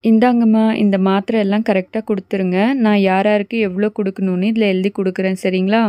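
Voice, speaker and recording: A woman's voice: medium pitch, flat delivery, fast, no echo, highs cut off, natural voice. A woman voicing a doll nurse who kindly tells the children not to be afraid. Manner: kindly, matter-of-fact. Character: doll nurse, brisk and kind.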